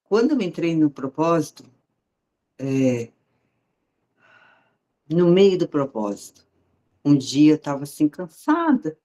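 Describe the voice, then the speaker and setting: A woman's voice: low-pitched, sing-song, takes it slowly, pauses often, mellow. A woman, sharing a heartfelt personal faith testimony in a conversational, storytelling way and speaking directly to her listeners.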